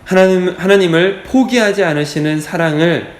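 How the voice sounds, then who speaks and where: Pastor guy preaching hard, fairly high voice, lots of repeating, echoey church. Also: moderate pace. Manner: emphatic, repetitive preaching. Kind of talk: sermon. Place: church sanctuary at a dawn prayer service.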